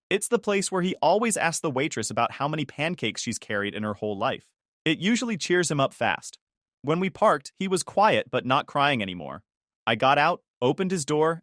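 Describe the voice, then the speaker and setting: Male storyteller, even and measured, with a lively melody and a dry, close sound. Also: mid-range voice, no room sound. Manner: calm, measured telling with voiced quotes. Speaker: narrator. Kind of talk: first-person story narration.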